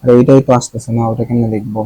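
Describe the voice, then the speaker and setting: A man's voice: medium pitch, steady tone, very fast, mellow, slight background noise, low-quality recording. A young man with a Bangladeshi accent teaching vocabulary in a casual lesson, thinking aloud and repeating words to check his pronunciation.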